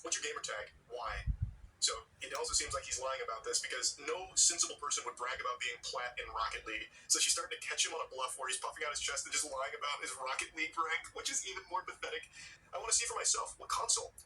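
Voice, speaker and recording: A man's voice: mid-range voice, fast, few pauses, far from the mic, background noise. A man hosting reaction commentary on text messages, sarcastic and incredulous, swearing freely. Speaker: commentary channel host.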